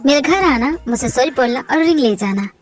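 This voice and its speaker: A woman doing a possessive rich young man in an amateur fan dub, bossy and threatening. She pushes her voice down well below her own high natural register to play him. The lines come out commanding and low for her. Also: lively intonation, a little fast, faint music behind.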